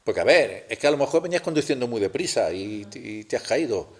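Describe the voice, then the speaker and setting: A middle-aged man telling a personal story in a talk at a spiritual center, halting and restarting as he goes. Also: mid-range voice, lively intonation. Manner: halting, with many restarts and rhetorical tags.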